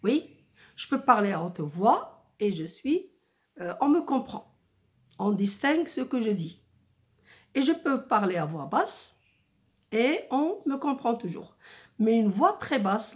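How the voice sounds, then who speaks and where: Slow, deliberate woman teaching a lesson. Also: a little high, very animated. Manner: slow, deliberate, repeats and rephrases with many fillers. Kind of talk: slow explanatory French lesson.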